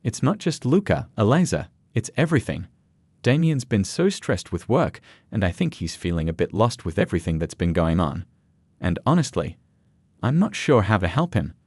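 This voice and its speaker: Soft gentle young woman, voiced by a man. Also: fairly low pitch, sing-song, normal speed, slightly rough, no echo. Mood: soft sympathetic. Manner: soft, sympathetic. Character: gentle young woman, caring daughter-in-law.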